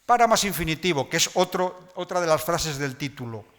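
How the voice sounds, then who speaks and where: A man's voice: a little high, lively intonation, brisk, fairly bright tone. A man giving a public lecture, explaining points to his audience in a didactic way. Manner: didactic, addresses audience directly. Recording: long reverb of a lecture hall.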